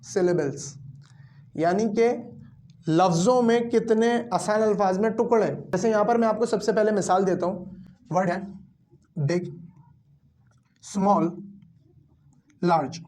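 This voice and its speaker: Slow, deliberate male grammar teacher. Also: high-pitched, a little mellow. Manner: slow, deliberate, repeats and spells out example words. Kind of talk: classroom lesson explaining grammar rules.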